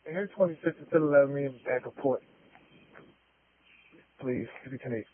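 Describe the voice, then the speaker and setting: A man's voice: mid-range voice, normal speed, breathy edge, no room sound. Patrol cop, male, calling in over a crackly, narrow police radio, dry, clipped codes. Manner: terse radio codes and numbers. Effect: police radio transmission. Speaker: police officer.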